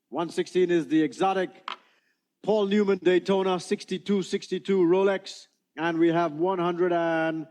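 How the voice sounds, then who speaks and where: A man's voice: a little high, darkish tone. A man working as an auctioneer, calling bids and switching between English and French.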